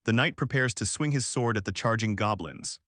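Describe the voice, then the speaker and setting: A man's voice: fairly low pitch, fairly quick, fairly bright tone, no echo, clean studio sound. A man narrating a comic recap in a scripted storytelling voice.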